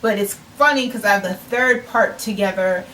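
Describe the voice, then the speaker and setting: A woman's voice: medium pitch, normal speed, a bit bright, distant mic, low-quality recording. Young woman, casual vlog talk, earnest and reflective, a bit off-mic, faint hiss behind. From United States. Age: 20s. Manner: earnest, reflective, repeats phrases for emphasis. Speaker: self-published author.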